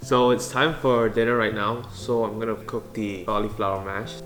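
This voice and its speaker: A man talking casually in a home vlog about his day, with a halting, hesitant delivery. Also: lowish voice, level tone. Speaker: vlogger. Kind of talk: casual cooking and recovery vlog. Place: indoor home kitchen. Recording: echoey room with music behind.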